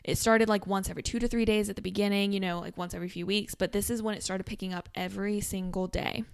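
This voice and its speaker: A woman's voice: steady tone, fast, creaky, clear, resonant tone. A woman co-hosting a podcast, casually retelling a true stalking story with lots of fillers. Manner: retells stories with frequent fillers, drops to a low murmur for asides. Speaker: podcast co-host.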